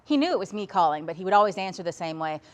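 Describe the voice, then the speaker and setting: A woman's voice: on the low side, expressive, rapid-fire. Woman storyteller, wry and reflective, conversational monologue.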